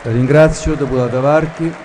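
A man's voice: medium pitch, fairly even intonation, normal speed, crowd noise, background noise. A man chairing a parliament session, giving formal, businesslike procedural announcements. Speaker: presiding chair. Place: parliament chamber.

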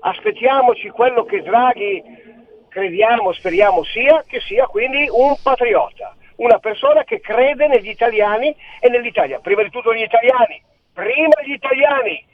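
A man's voice: extremely high pitch, moderate pace. A man calling in to a radio show over a landline phone, rambling through his opinions and sprinkling in Latin phrases. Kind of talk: casual call-in chat. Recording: narrow tinny phone line.

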